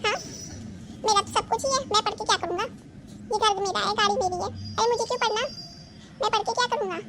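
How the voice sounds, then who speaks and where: A woman's voice: extremely high pitch, a little fast, music in the background, voice pushed up. A woman voicing a spoiled, boastful little grandson who talks in a bratty, defiant, whiny way. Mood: bratty boasting. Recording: noisy background.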